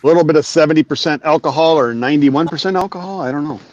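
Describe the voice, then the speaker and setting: A man's voice: on the high side, rapid-fire, background noise. Casting note: male co-host in loose group banter, jokey and rambling, dull stream audio. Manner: joking, rambling, trails off mid-thought. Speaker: reseller show co-host. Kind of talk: casual group chat.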